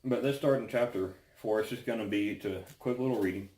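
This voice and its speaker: A man giving a casual devotional talk and Bible reading, halting and pausing often mid-sentence. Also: on the low side, a little mellow. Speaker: devotional host. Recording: roomy, echoing sound.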